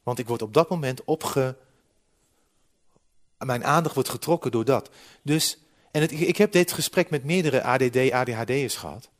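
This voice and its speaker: Lively humorous preacher in his forties. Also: medium pitch, normal speed. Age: 40s. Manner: lively, humorous, swings from loud to quiet. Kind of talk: sermon with slides.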